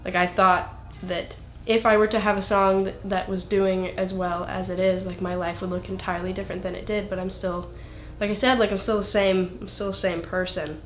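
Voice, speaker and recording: A woman's voice: mid-range voice, level tone, moderate pace, hardly any pauses, echoey room, a little hiss or hum. A young woman in her twenties, a singer being interviewed, talking in a rambling, self-interrupting way with lots of fillers. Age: 20s. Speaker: singer-songwriter guest. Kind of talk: casual interview.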